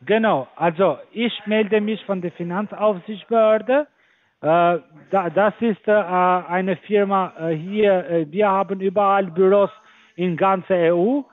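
A man on a phone scam call, talking haltingly with many fillers and broken grammar. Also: sits high, steady tone, dry recording. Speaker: phone scammer. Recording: tinny phone line.

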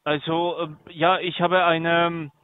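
A man with a fairly high voice talks haltingly over a thin, phone-like line and keeps restarting his words. German is not his native language. The sound is narrow and boxy, as if it comes through a phone receiver. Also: level tone, clear, resonant tone, dry recording. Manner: halting, repeats words often. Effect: tinny phone line. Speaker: prank call target.

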